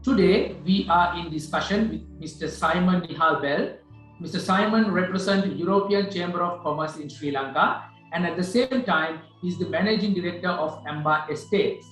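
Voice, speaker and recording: A man's voice: high voice, moderate pace, fairly bright tone. Polite man hosting in an echoey room. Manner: polite, formal questions with hesitations. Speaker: webinar host. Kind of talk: hosting an interview. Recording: echoey room with faint music.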